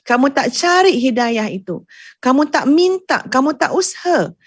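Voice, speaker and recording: A woman's voice: sits high, big pitch swings, normal speed, dry recording, studio quality. A woman religious teacher giving a sermon, earnest and addressing her audience, repeating phrases for emphasis. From Malaysia.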